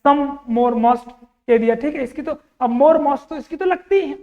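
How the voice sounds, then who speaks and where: High-voiced male tutor, echoing hall. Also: moderate pace, a little mellow, muffled recording. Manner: quizzes the class with repeated questions and answers. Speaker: teacher. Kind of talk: exam-prep grammar lesson. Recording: long reverb in a hall.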